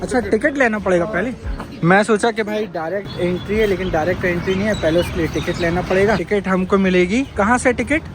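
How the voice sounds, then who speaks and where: A man's voice: high voice, quick pace. A man filming a casual travel vlog outdoors on a phone, chatty and addressing viewers as brother. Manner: chatty, often says "bhai" to viewers. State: slightly tired from climbing. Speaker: travel vlogger. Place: outdoors in parks and streets.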